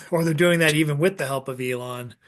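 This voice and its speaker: A man's voice: on the high side, brisk, a bit bright. A man griping bluntly and profanely in casual chat on a video call at an online poetry gathering.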